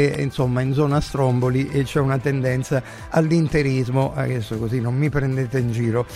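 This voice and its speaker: A man's voice: medium pitch, vocal fry, darkish tone. A man hosting live radio with casual, rambling chat, often repeating his words and phrases. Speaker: radio host. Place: radio studio.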